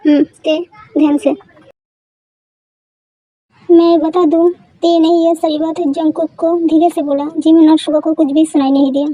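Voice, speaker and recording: Woman with a super high but mellow voice reading a fan love story, doing everyone's lines herself. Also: flat delivery, unhurried, long pauses, no echo, rough recording.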